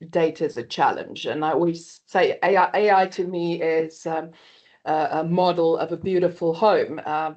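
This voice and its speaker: On a conference panel, a South African woman in her fifties halts often, using many fillers and restarts and frequently addressing the audience as guys. Her voice is low and a little mellow, and the highs are cut off.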